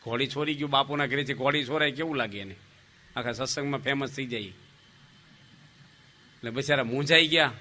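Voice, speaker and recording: A man, a monk giving a humorous devotional sermon, telling stories in an animated way, asking the audience questions and acting out the dialogue. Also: mid-range voice, moderate pace, pauses often, a little hiss or hum.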